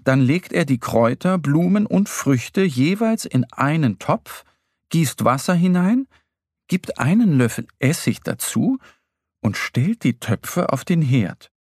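A man reads a children's story aloud, slowly and gently, letting his voice rise and fall with a lot of expression. His tone is a little husky, and the recording is close and dry. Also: a little high, sing-song, no room sound. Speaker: narrator.

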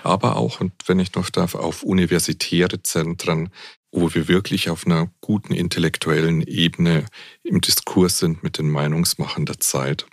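A man's voice: low-pitched, fairly even intonation, moderate pace, dry recording, clean studio sound. A man who is a Jesuit priest, speaking as a guest in a frank, outspoken and thoughtful way, with occasional fillers. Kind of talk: reflective conversation.

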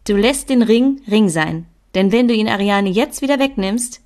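A woman voicing a pushy, energetic young female friend who lectures and urges in a storybook reading. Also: medium pitch, moderate pace, pitched above the performer's own voice, lightly acted. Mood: bossy.

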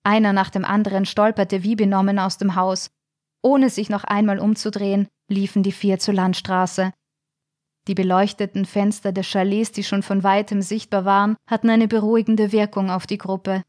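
A woman's voice: mid-range voice, little pitch movement, normal speed, darkish tone, dry recording. Woman narrating a suspense story, dry. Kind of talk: scripted audiobook narration.

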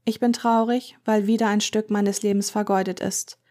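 A woman's voice: medium pitch, level tone, normal speed, warm tone. Woman reading a tense first-person story. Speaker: audiobook narrator.

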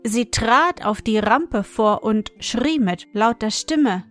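Slow, measured woman telling a fairy tale. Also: a little high, lively intonation, soft background music. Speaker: storyteller. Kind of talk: fairy tale read aloud.

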